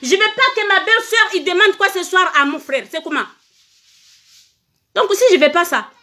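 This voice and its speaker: Comorian woman, singer on a phone livestream, very high pitch, emphatic and repetitive. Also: animated, normal speed, bright, forceful tone. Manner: emphatic, repetitive, asks viewers for hearts. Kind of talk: casual livestream monologue.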